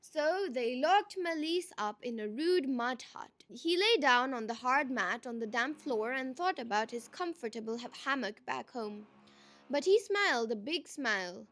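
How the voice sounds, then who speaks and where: A woman narrates a scripted folktale. Her voice sits high and her pace is unhurried. She is expressive and deliberate in the way she shapes the story.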